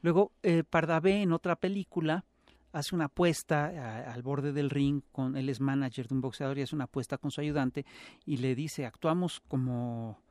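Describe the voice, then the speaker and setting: A man with a Mexican accent talks as an interview guest, lecturing at length and pausing often on filler sounds. His voice sits a bit high for a man. The sound is close and dry, with no room around it. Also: darkish tone, no room sound. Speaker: guest expert on Mexican humor and cinema. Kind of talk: explanatory interview talk.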